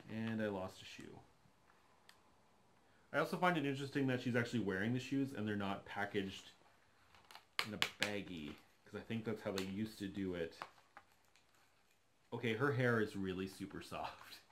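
A fairly low-voiced man in his thirties talks his way through unboxing a doll, chatty and enthusiastic, thinking out loud as he works. He sits on a living-room sofa in front of a webcam, with a faint hiss under his voice. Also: normal speed, pauses often. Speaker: doll collector vlogger. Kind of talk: casual unboxing commentary.

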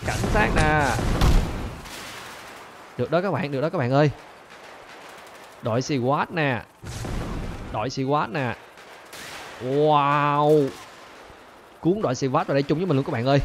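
A fairly high-voiced man calls out his gameplay with lively excitement and keeps turning to his viewers. Faint ambient sound sits under his voice. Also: a little slow, long pauses, slight background noise. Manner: animated, keeps addressing viewers as "các bạn ơi". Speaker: gaming channel host.

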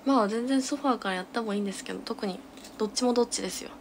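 Young female streamer, casual and absent-minded, murmuring fragments at home into a phone with clear background noise. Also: fairly high pitch, rapid-fire. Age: young adult. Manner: absent-minded muttering in short fragments to herself and viewers. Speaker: live streamer. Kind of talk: casual livestream chat while doing makeup. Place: small room at home, indoors. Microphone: phone at arm's length.

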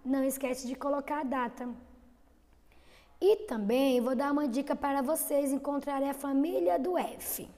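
A woman teaching young children in an online lesson, with a Brazilian accent, stretching out syllables slowly. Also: high-pitched, fairly even intonation, warm tone, big-room sound. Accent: Brazilian Portuguese. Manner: slow, drawn-out syllables for children. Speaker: kindergarten teacher.

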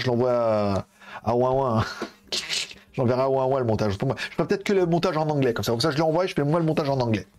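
A man's voice: a little high, a little mellow. A man in a casual live stream, rambling and joking about phones and his plans, swearing now and then while he handles the devices. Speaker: tech streamer.

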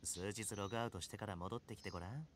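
A man voicing a suave young top-ranked gamer in a Japanese anime game, speaking with smooth, courteous confidence and quiet menace. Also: on the low side, slight background noise, natural voice. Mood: polite, confident. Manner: smooth, courteous, unhurried phrasing with cool confidence.

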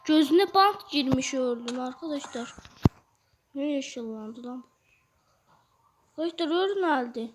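A woman giving excited gameplay commentary straight to her viewers, yelping commands and sometimes dropping to hushed asides. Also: high-pitched, unhurried, pauses often, slight background noise. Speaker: gaming video host.

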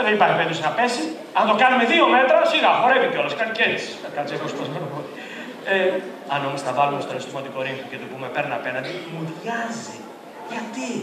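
A man giving a lively seminar talk as a tourism trainer, animated and rising to near-shouts as he acts out quotes. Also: sits high, a little hiss or hum. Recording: echoey hall from far off.

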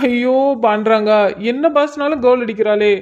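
A woman's voice: a little high, normal speed, darkish tone, muffled recording, natural voice. A woman doing a put-upon young cartoon boyfriend. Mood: exasperated pleading. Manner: pleading, put-upon groaning. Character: young college man, exasperated boyfriend. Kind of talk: cartoon voice acting.

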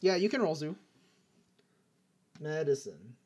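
A man's voice: a little high, very animated, slow, a little mellow, a little hiss or hum. A young man as game master of an online tabletop game, describing scenes in a rambling way with many restarts.

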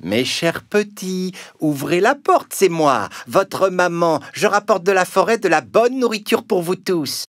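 Un loup rusé de dessin animé. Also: male voice, sits high, lively intonation, a little slow, few pauses, a bit bright, no room sound, studio quality, exaggerated voice. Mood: faussement doux. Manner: fake-sweet, scheming. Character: sly hungry male wolf. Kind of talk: cartoon voice acting.

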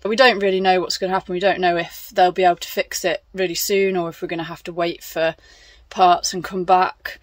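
A woman's voice: lowish voice, level tone, a little fast, few pauses, dry recording. A young woman chatting casually on a travel vlog, thinking aloud with fillers as she films on a phone at arm's length outdoors on a canal boat. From England. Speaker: vlogger.

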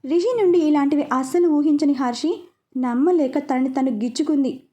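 High-voiced woman narrating a story. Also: normal speed, warm tone. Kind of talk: reading a serialized story.

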